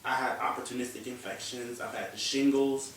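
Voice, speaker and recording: With fairly even intonation and a fairly quick pace, a medium-pitched young man of about twenty speaks openly and emotionally as a panel show guest, swearing at times. Background noise, an echoey room, and a distant mic mark the recording.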